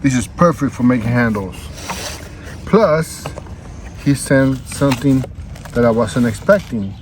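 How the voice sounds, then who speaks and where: A vlog host chats with viewers during a casual unboxing, laid-back, folksy and slangy. He speaks unhurriedly at medium pitch, with background noise present.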